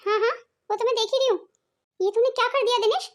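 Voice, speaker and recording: A woman's voice: very high voice, fairly even intonation, quick pace. A woman voicing a blunt elderly mother-in-law in a cartoon family drama, who lectures and scolds. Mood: scolding. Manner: scolding, proverb-quoting. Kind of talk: cartoon soap voice acting.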